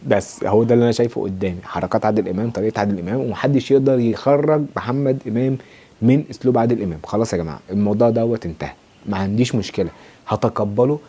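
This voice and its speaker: Fast-ranting Egyptian man reviewing TV. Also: lowish voice, dark tone, breathy edge. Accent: Egyptian Arabic. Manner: exasperated, sarcastic, colloquial. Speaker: TV series reviewer.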